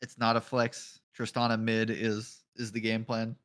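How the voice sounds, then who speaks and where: A man's voice: lowish voice, completely flat delivery, moderate pace, a bit bright. A man giving casual live commentary on an esports draft as a color caster. He jokes, laughs often and swears offhandedly.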